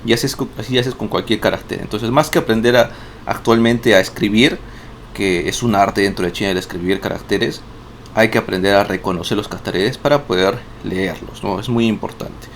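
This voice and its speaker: A man's voice: on the low side, a little fast, vocal fry. A man teaching a casual online lesson, chatty, often restarting words and checking in with tag questions. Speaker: Mandarin teacher. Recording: faint background noise.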